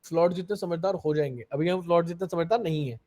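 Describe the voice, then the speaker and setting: High-voiced young male coding teacher. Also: quick pace, darkish tone. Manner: explains step by step, keeps asking if students understood. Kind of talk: live online coding class.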